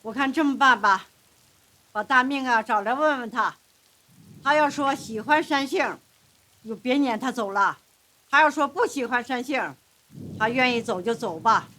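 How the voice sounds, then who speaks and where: An actress playing a calm, decisive elderly grandmother in a TV drama who settles a family quarrel. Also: a little high, normal speed, long pauses. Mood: settling. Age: older.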